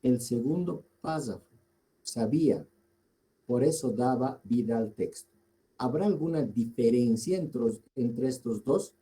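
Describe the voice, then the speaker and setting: Bolivian spanish guy teaching a class, super slow, really dark mellow voice, keeps repeating words and quizzing students. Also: mid-range voice, lively intonation, poor audio. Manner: deliberate, repeats key words, asks the class questions.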